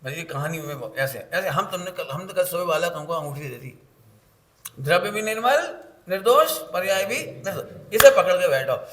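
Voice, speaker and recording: A man's voice: sits high, normal speed, a little hiss or hum. A middle-aged man giving a sermon to an audience, telling homely stories and acting out the voices in them, often asking the listeners questions. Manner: animated storytelling, acts out quoted voices, asks the audience questions. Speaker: Jain scripture teacher.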